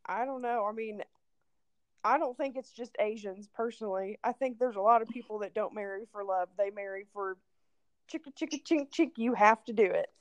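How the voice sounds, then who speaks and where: A young married woman co-hosting a casual podcast, easygoing and quick to giggle. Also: medium pitch, fairly even intonation, dry recording. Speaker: podcast co-host.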